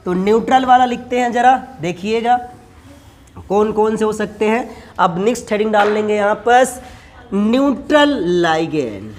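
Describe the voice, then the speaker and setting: A man's voice: sits high, expressive, slight background noise. Chemistry teacher quizzing his class. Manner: asks the class quick questions, then answers them himself; talks to students familiarly, calling them son and brother. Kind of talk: classroom lecture while writing on a board.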